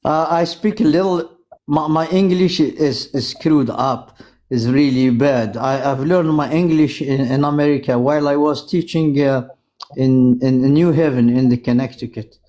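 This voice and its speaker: Halting older man with a dark voice. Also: fairly high pitch. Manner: halting, repeats words, switches between French, English and German. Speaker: guest on a live stream. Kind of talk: casual chat.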